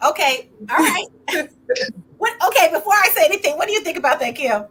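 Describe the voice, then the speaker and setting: A woman's voice: extremely high pitch, animated, fairly quick, fairly bright tone. A woman hosting a talk show, asking playful, probing questions. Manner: playful, probing, laughs often. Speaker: host.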